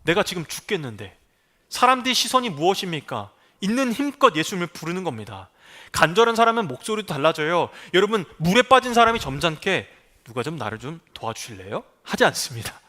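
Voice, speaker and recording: A middle-aged male pastor delivers an emphatic sermon in a high, bright voice. His pitch swings widely as he acts out cries and pleas for his listeners. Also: sing-song, a little fast.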